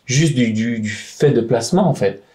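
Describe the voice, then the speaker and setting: A man, a punk songwriter, talking in a casual round-table chat, animated and emphatic, often restarting his sentences. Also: mid-range voice, moderate pace.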